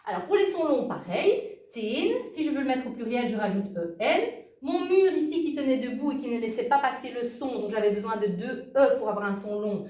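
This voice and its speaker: A woman teaching a language lesson in a fairly high voice that rises and falls a great deal. She explains with emphasis and often checks in with her listeners. The room rings noticeably, and she sits some way from the mic. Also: animated, fairly quick, a little mellow, roomy sound, distant mic.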